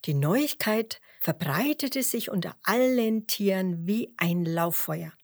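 A woman narrating a children's story in an expressive way, dropping at times into a soft whisper. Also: mid-range voice, dry recording, studio quality. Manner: expressive, slow, partly whispered.

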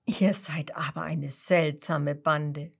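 A woman voicing a haughty, astonished blue peacock in a slow, lowered, drawn-out way. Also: steady tone, gravelly, breathy edge, heavily acted.

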